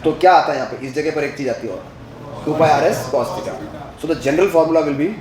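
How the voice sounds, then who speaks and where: A man's voice: fairly high pitch, darkish tone, echoey room, slight background noise, poor audio. A male physics teacher lecturing at a board, asking the class questions as he works through each step and mixing Hindi with English terms.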